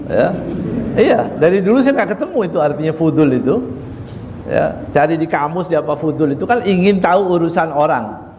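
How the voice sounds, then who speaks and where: A man's voice: high-pitched, a little mellow, big-room sound, slight background noise. A man, a religious teacher, giving a chatty study sermon in a prayer room, laughing often and acting out little quoted exchanges. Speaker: ustadz teaching a book on character.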